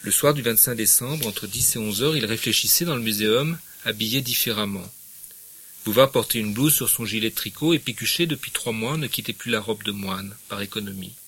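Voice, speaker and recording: Middle-aged man, literature lecturer, low husky voice, bright tone, expressive reading, hesitant asides. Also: brisk. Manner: expressive reading, hesitant fillers when commenting.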